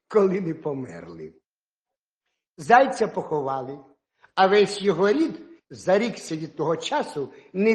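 A man telling a folk tale to children in an animated, expressive storytelling voice. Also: high-pitched, reverberant.

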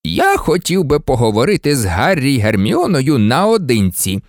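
A reader voicing a calm, wise old male headmaster in a storybook, firm and unhurried. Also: mid-range voice, dry recording, studio quality.

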